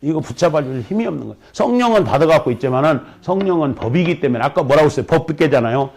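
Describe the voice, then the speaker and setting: 중년 남성 목사가 새벽 예배에서 설교하며, 수사적 질문을 던지고 강하게 꾸짖듯 말한다. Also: male voice, fairly high pitch, lively intonation, racing, darkish tone. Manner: emphatic, scolding preaching with rhetorical questions. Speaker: pastor. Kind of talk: sermon.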